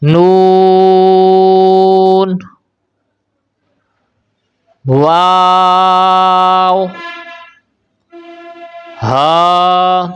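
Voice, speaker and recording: A man teaching a beginners' Quran reading lesson, explaining how to say each letter and then chanting it out slowly. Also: fairly high pitch, a bit bright, clear, resonant tone. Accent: Pakistani. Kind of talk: step-by-step recitation lesson.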